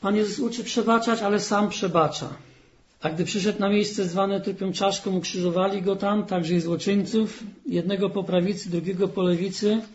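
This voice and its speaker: A man delivers an earnest sermon in church, reading scripture and pressing hard on the key phrases. His voice sits fairly high. The recording is dull and lo-fi. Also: fairly even intonation, moderate pace, a little hiss or hum. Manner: earnest, rising to emphatic stress on key phrases. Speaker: preacher.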